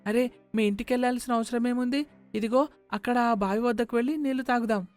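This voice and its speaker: A man's voice: extremely high pitch, fairly even intonation, fairly quick, soft background music, pitched above the performer's own voice. A man voicing an eager little village boy who coaxes his friend along, in a cartoon story. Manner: coaxing, bossy with his friend.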